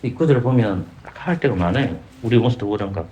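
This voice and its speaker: A man's voice: lowish voice, animated, fairly quick, mellow, a little hiss or hum. A man preaching a Sunday sermon as pastor with a Gyeongsang accent, firing rhetorical questions at the congregation and acting out quoted voices. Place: church sanctuary.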